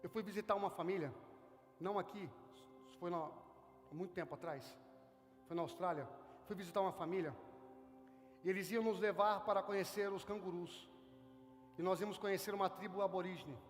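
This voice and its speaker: A man from Brazil with a Brazilian Portuguese accent, a pastor preaching a fervent sermon at a church service, swelling loud on key phrases. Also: high-pitched, steady tone, brisk, long pauses. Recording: long reverb with faint music.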